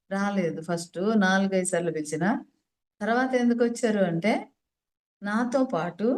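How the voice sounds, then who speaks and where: Mellow-voiced woman telling a story. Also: mid-range voice. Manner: animated storytelling, acting out quoted dialogue. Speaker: meditation teacher. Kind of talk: storytelling in an interview.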